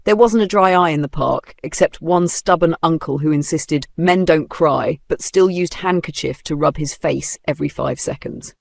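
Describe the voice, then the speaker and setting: A man's voice: fairly high pitch, normal speed, gravelly, hardly any pauses, dry recording. A man with a Nigerian accent narrating a dramatic story with playful, humorous asides.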